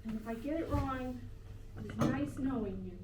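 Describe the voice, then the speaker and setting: Brief: woman as anxious teen schoolgirl, high voice, distant and echoey. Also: normal speed, lightly acted. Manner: worried, pleading. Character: anxious teenage girl student. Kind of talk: live improv comedy. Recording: echoey stage from far, noisy.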